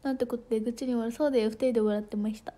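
A woman's voice: a little high, steady tone, racing, mellow. A young woman idol livestreaming in casual chat, bubbly and chatty, thanking viewers for gifts and sometimes tripping over her words.

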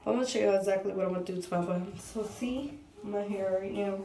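A woman's voice: mid-range voice, fast talker, dark tone. A young woman with a stuffy nose from a cold, chatting casually to viewers while showing her hair. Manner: chatty, addresses viewers as y'all. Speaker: vlogger. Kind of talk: casual hair tutorial vlog. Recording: echoey room, distant mic, noisy background.

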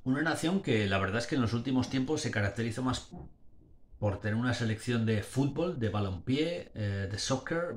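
A man's voice: lowish voice, a little hiss or hum. A man in his forties reviews a beer in a casual video from a small dim room, talking at close range to a webcam or phone. He talks in a slurred, rambling way, full of restarts, and plays up being tipsy. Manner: slurred, rambling speech with restarts, playing up drunkenness. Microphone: webcam or phone at arm's length.

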